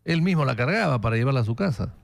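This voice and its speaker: Radio host, halting anecdotes. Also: male voice, medium pitch, animated, gravelly, faint music behind. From Peru. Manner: conversational anecdotes, frequent fillers. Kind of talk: political interview.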